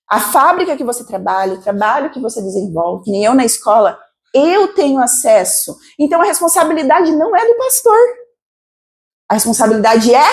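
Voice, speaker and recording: A Brazilian woman missionary preaching a sermon to a congregation, with a Brazilian Portuguese accent, asking lively rhetorical questions. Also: a little high. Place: church service.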